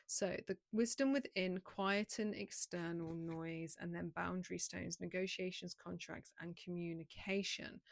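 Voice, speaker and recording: A woman doing a pick-a-card tarot reading for viewers, speaking in gentle, repetitive affirmations with many filler words. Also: fairly low pitch, creaky, no room sound, studio quality.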